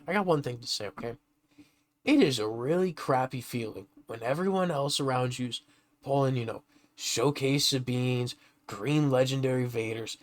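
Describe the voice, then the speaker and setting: A man co-hosting a casual gaming podcast, telling stories animatedly and jumping high when he acts out reactions. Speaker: podcast co-host.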